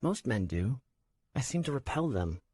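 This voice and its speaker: Brief: a man playing a shy, moody young woman in a fantasy audiobook; higher, soft and timid, a sing-song lilt. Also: very animated, normal speed, husky, no room sound, studio quality. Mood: glum. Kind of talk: audiobook character voice.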